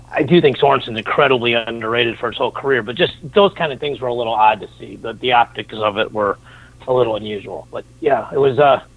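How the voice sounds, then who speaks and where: A man heard over the phone, his voice thin and tinny like a narrow phone line, with a dry, close sound and no room around it. He is easygoing and thinks aloud with frequent restarts, chatting casually about the sport as a rankings analyst. His voice sits at an ordinary middle pitch. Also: no echo. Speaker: wrestling rankings analyst, co-host.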